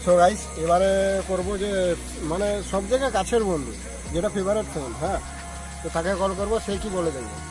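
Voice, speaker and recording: A man's voice: high voice, animated, brisk, over music, poor audio. A man hosting casually, putting insistent questions to his friends. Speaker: host making prank calls to friends. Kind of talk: casual chat.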